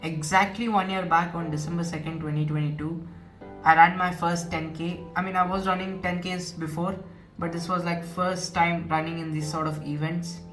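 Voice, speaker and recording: In his personal vlog, a nineteen-year-old man with an Indian English accent earnestly goes back over his experience, repeating himself. His voice is on the high side, flat, fairly bright, and at a moderate pace; a distant microphone catches it over background music.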